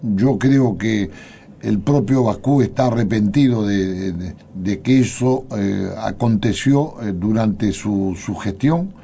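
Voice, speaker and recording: Gravelly, dark-voiced Uruguayan man. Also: lowish voice, slight background noise. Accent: Uruguayan Spanish. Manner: measured, deliberate, many pauses. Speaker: interview guest, politician. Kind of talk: radio interview.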